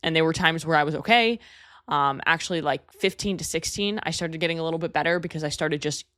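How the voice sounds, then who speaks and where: A woman in her thirties from New York talks through her own podcast in a low, candid voice, chatty and a little self-deprecating. The sound is dry and close, with no room behind it. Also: fast talker, a bit bright, no room sound. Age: 30s. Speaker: podcast host. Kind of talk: solo podcast talk.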